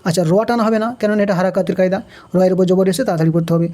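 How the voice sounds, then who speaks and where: Speaking with a Bangladeshi Bengali accent, this man teaches Quran recitation step by step, naming each letter and vowel mark and then intoning the words slowly at a higher pitch. His delivery is fairly even and warm.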